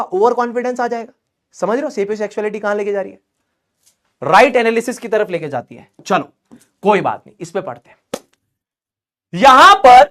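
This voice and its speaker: A man teaching chemistry in a casual, animated Hindi lecture, joking and mocking English spellings. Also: very high voice.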